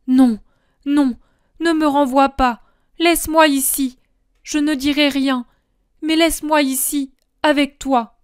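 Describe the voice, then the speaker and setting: Une femme jouant un jeune disciple apeuré qui supplie, voix aiguë et gémissante, lecture de conte. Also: female voice, sits high, fairly even intonation, slow, no room sound, studio quality, pitched above the performer's own voice. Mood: pleading. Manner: pleading, whimpering. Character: frightened young male disciple, pleading.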